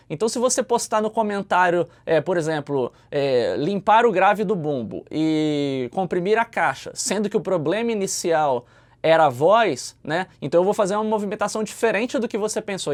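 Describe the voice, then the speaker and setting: A man with a Brazilian Portuguese accent who explains audio mixing in a casual, chatty way and keeps tagging his sentences with a questioning "né?". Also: high-pitched. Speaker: YouTuber teaching audio mixing. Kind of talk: casual explanatory talk to camera.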